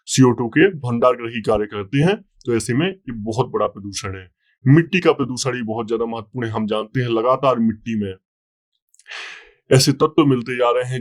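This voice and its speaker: Man teaching an exam-prep lecture. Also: medium pitch. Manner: explanatory, repeats key points, frequent "theek hai" checks.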